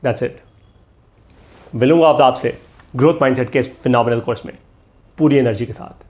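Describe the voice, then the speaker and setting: This middle-aged motivational teacher has a mid-range, darkish voice and moves at a moderate pace. His delivery is forceful and repetitive, with English expressions mixed in.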